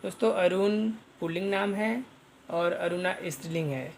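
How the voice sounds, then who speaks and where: A man's voice: sits high, normal speed, vocal fry, slight background noise. A man teaching an online pronunciation lesson, spelling out letters and repeating each sound, often addressing viewers as friends.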